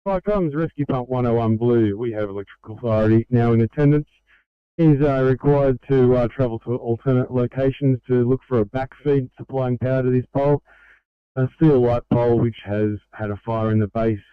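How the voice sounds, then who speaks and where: An Australian emergency crewman reports over a two-way radio in measured, formal call-and-response phrasing. His smooth, clear voice sits close and dry on the handset, though the scanner audio is muffled and narrow. His pitch is about average for a man. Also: steady tone, no room sound. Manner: clipped, slow, formal radio procedure. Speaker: emergency crew radio operator. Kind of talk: radio dispatch traffic. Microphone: handheld two-way radio.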